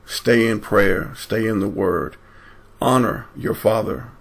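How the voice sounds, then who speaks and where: Male preacher, husky and gravelly, fervent, loud emphasis and quiet asides. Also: takes it slowly. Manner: fervent, swings between loud emphatic and low intimate. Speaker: online preacher. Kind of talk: impassioned preaching.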